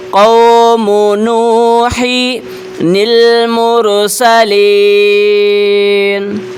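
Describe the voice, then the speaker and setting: A man teaching a tajweed lesson, explaining word by word and then reciting verses slowly and drawn out, often checking in with his listeners. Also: sits high, a bit bright. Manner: checks in with repeated rhetorical questions.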